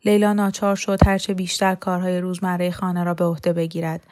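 A woman narrating a novel as an audiobook in a calm, even storytelling manner. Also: fairly low pitch.

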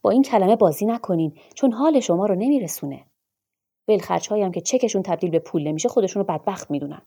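A woman voicing a bitter, proud male doctor in a storybook reading, shouting angry tirades. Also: mid-range voice, animated, husky. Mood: furious, shouting.

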